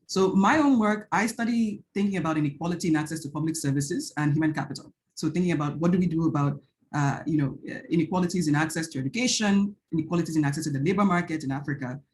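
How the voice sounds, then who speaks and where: Speaking on a video call panel, this earnest Nigerian researcher talks quickly in a low, darkish voice with a Nigerian accent. She keeps tagging "right?" onto her points and restarts phrases mid-thought. A little hiss or hum sits under the audio.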